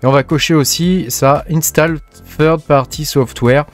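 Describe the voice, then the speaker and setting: A man's voice: on the high side, steady tone, unhurried, faint music behind. A man from France hosting a casual tech tutorial, talking informally to the viewer with many fillers and tags like "hein". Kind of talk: casual screen-recorded tutorial.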